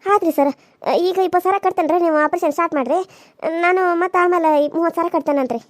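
A woman's voice: very high voice, rapid-fire, no echo, studio quality. A woman voicing an older village aunt, caring and firm, talking steadily and earnestly with a North Karnataka Kannada accent. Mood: worried. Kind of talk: cartoon voice acting.

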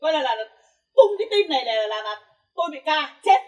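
A woman's voice: sits high, very animated, a little mellow, dull audio. A woman playing an indignant woman who scolds others for gossip in a comedy sketch. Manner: fast, scolding, lecturing. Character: indignant woman, angry at being rumored dead. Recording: roomy echo, distant mic.

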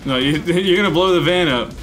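A man's voice: a little high, fairly quick, fairly bright tone. A man who laughs often, playing a video game casually with a friend. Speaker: gamer. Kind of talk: casual co-op gameplay commentary.

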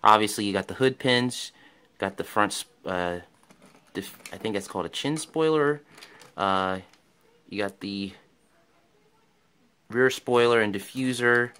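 Man, casual vlog, enthusiastic rambler, fairly low, clear, bright voice. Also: measured pace, long pauses. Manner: rambling, enthusiastic, many ums and restarts. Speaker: toy car collector vlogger. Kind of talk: casual show-and-tell vlog.

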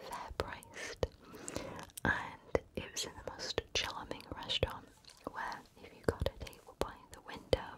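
Woman whispering close-up ASMR. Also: low-quality recording. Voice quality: soft unvoiced whisper. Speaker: ASMR creator. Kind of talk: close-up ear-to-ear ASMR whisper, casual travel chat. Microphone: close ASMR microphone.

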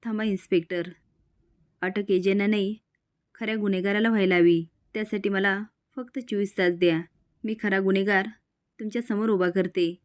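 A woman's voice: mid-range voice, steady tone, normal speed, darkish tone, dry recording, studio quality, close to an everyday voice. A woman voicing a determined wife in a serial recap, read plainly.

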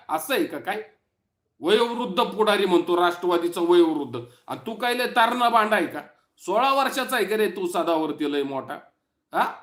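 A man's voice: high voice, a bit bright, reverberant. A man giving an angry, mocking political rant to his online audience, full of insults and taunts. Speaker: YouTube commentator.

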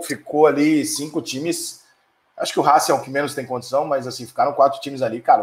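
A middle-aged man with a Brazilian Portuguese accent hosting a live stream, reading viewer comments and answering them in a profane, heated, ranting way. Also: a little high. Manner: profane, fiery, quick to anger and rant. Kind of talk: casual heated live chat. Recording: echoey room.

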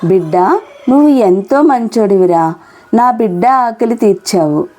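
A woman voicing a poor village mother who speaks softly and thankfully. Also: medium pitch, animated, a little slow. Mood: grateful.

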